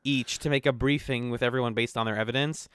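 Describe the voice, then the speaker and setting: A man co-hosting a podcast in casual chat, animated and laughing as he acts out what others said. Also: medium pitch, fast, smooth. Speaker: podcast co-host.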